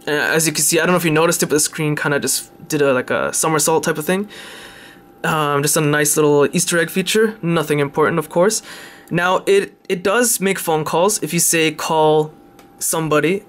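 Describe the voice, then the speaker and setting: A Canadian tech video presenter gives a casual, unscripted demonstration in a fairly high, fairly bright voice at normal speed. He comes across informal and hesitant, frequently correcting himself.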